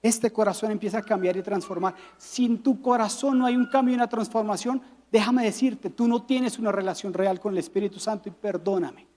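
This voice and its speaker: A man with a Colombian accent preaching a sermon as pastor, lively, with rhetorical questions and jokes. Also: high-pitched, fairly quick, few pauses.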